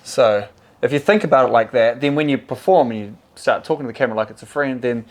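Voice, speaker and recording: A man's voice: mid-range voice, fast. Upbeat New man hosting interview. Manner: upbeat, encouraging, repeats words. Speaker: host. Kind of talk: casual interview.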